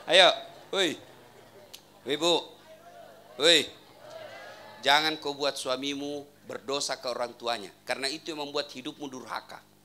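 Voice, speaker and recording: A man's voice: mid-range voice, fairly even intonation, unhurried, long pauses, sharp tone, slight background noise. A man preaching a humorous sermon at a religious gathering in a home, teasing the crowd and firing questions at them. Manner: teasing, quizzes the audience.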